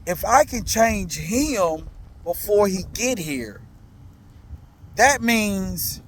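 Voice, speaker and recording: A man with a high-sitting voice, recorded with a little hiss or hum. He's a father in his thirties or older telling his own story in candid, slangy talk, animated and repetitive, with many asides asking listeners if they follow.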